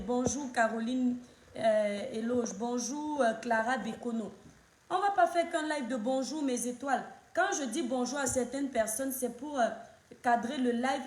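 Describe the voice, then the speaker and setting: Hoarse woman hosting a live stream. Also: fairly high pitch, a little mellow, echoey room. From Cameroon. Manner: repetitive, greets viewers by name. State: hoarse from a cold. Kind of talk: casual live stream talk.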